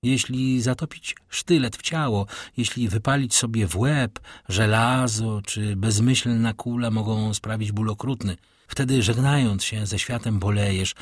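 A man voicing a noble middle-aged count who is calm, grave and tender, in a measured, solemn delivery. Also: on the low side, breathy edge, no echo, clean studio sound.

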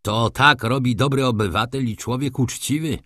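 A man's voice: medium pitch, normal speed, sharp tone, no echo, clean studio sound. A man voicing an indignant, gossiping middle-aged councillor in an audiobook, ranting with scandalized outrage.

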